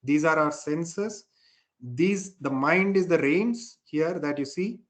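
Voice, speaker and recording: A man's voice: a little high, expressive, takes it slowly. A man explaining scripture informally as a spiritual teacher, often checking in with a short questioning tag. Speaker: spiritual teacher leading a satsang.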